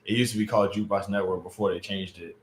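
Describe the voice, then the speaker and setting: In a low voice with fairly even intonation and a quick pace, a late-thirties livestream host chats casually with viewers. He jokes about their comments and uses plenty of fillers, and the audio has a roomy echo from his home stream mic.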